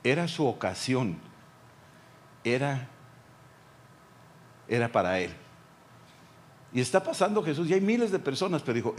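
A man with a Mexican accent, a pastor preaching a sermon, repeating phrases and dropping to quiet lines. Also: mid-range voice.

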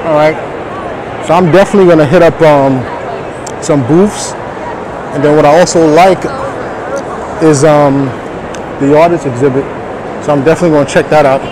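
A man hosting a walk-around vlog talks casually in laid-back slang through a face mask as he moves through a large, busy indoor convention hall. His voice is fairly high with fairly even intonation, a moderate pace, and long pauses. The recording is noisy, full of crowd chatter and hall noise from the packed floor.

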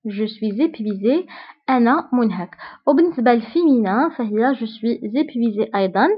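A woman with a Moroccan Arabic accent teaching a French lesson, slowly repeating each example phrase with care. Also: a little high, animated, slightly rough. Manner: slow deliberate repetition of example phrases. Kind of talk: scripted language lesson. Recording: dull lo-fi recording.

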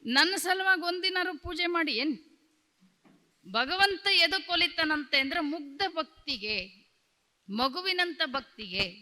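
A woman's voice: extremely high pitch, animated, slow pace, pauses often, sharp tone, big-room sound. A woman preacher giving a religious discourse, repeating lines in rhythm and telling stories. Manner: tells stories, acting out quoted voices. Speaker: spiritual preacher.

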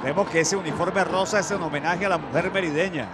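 High-pitched analyst breaking down kicks. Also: male voice, fast. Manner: calm, detailed breakdown of each kick. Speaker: color commentator. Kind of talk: football analysis commentary. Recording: broadcast with crowd and music behind.

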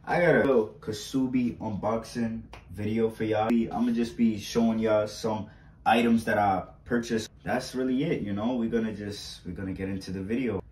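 A man's voice: on the low side, fairly even intonation, moderate pace, a little mellow. Young man, casual vlog host; reverberant room sound, light background hiss. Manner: chatty, slangy, repeats himself, pleads for likes. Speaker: vlogger. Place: small bright indoor room. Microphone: fixed camera a few steps away. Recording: roomy, distant camera sound.

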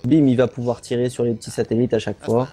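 A man's voice: medium pitch, flat delivery, fast, dark tone. A man giving casual live commentary on a speedrun, often hunting for words mid-sentence. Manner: casual, hesitant, searches for words.

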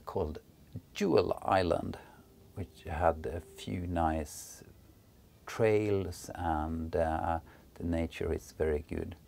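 A middle-aged man from Sweden, a Swedish speaker, narrating his sailing travels in an unhurried way with many filler pauses. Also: deep voice, steady tone, gravelly, darkish tone. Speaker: sailing vlogger.

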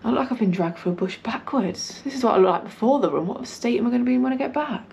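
A woman's voice: on the high side, expressive, very fast, vocal fry, darkish tone, a little hiss or hum. A young British woman chatting casually to her vlog in a colloquial, self-deprecating way. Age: young adult. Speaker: running vlogger. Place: indoors in a house hallway. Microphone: camera at arm's length or propped nearby.

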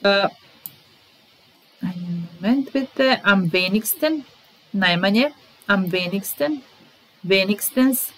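Slow, careful woman teaching German words. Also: medium pitch, a bit bright, poor audio. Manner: reads each German example, translates it, then repeats it. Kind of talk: slow bilingual vocabulary lesson.

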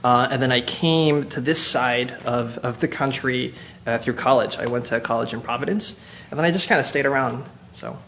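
A man's voice: medium pitch, moderate pace, fairly bright tone, slight background noise. A young man from New Jersey, a teacher and talk show guest, speaking earnestly and articulately with frequent ums.

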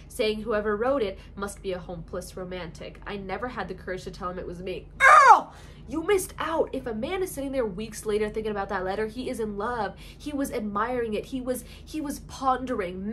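A young adult woman chatting casually and reacting to confessions in an animated, gleefully gossipy, slangy way full of "like". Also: medium pitch, fairly quick, hardly any pauses, slight background noise. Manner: slangy, heavy use of "like". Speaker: vlogger reading followers' confessions. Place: small bedroom, indoors.

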